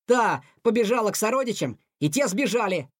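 A man's voice: sits high, animated, a little fast, no room sound, studio quality, pitched above the performer's own voice. A man voicing a cheerful, unflappable male yard cat in an audiobook, jaunty and matter-of-fact. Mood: wry.

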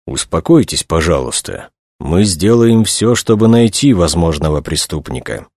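Brief: steady investigator, read by a man, low voice, dry close sound. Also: normal speed, no echo. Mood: calm. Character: calm, measured male investigator.

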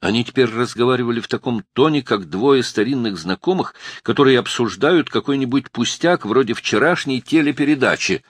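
A man narrating a novel as an audiobook reader, with an even storytelling delivery. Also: mid-range voice, a little fast, hardly any pauses, no echo. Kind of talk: scripted narration.

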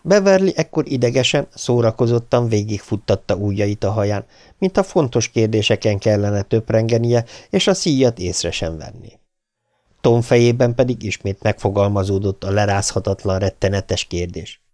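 A man's voice: lowish voice, expressive, a little mellow, dry recording, clean studio sound. A man narrating an audiobook in a dramatic way, voicing the characters. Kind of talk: scripted narration.

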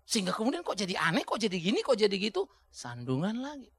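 A male pastor preaching a topical sermon in a colloquial, animated way, breaking into sudden emphatic shouts. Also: sits high, fast, husky, no room sound.

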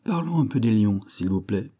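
A man's voice: fairly low pitch, animated, normal speed, warm tone, breathy edge. A man reading an audiobook, voicing a curt, skeptical army captain who answers in short, dry interjections.

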